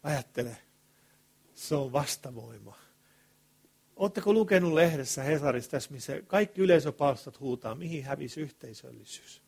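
His voice sits on the high side and is husky and expressive, with long pauses. Preaching colloquially, the man alternates between fervent outbursts and quiet asides while posing rhetorical questions to his congregation.

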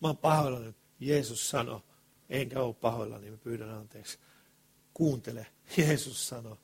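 A man preaching a sermon in colloquial speech, swinging between loud passionate bursts and hushed asides, with rhetorical questions to the congregation. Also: mid-range voice, gravelly, slightly rough.

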